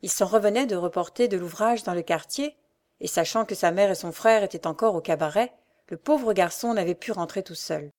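A woman narrating an audiobook in a measured, dramatic way. She reads a novel aloud steadily, bringing out the drama of each scene. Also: mid-range voice, darkish tone. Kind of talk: scripted narration.

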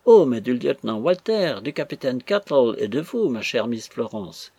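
A man's voice: medium pitch, sing-song, moderate pace, dark tone, slightly rough, no echo. A man voicing a gushing, emotional young female maid who talks in a breathless torrent. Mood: chattering. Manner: breathless torrent of words, sobbing with joy.

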